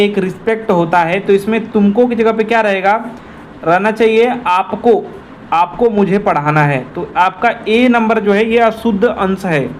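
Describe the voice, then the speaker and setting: A man's voice: high-pitched, slight background noise. A man tutoring grammar for exams, walking through quiz questions and repeating key answers while addressing viewers as friends. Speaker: Hindi exam tutor. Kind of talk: explanatory quiz walkthrough.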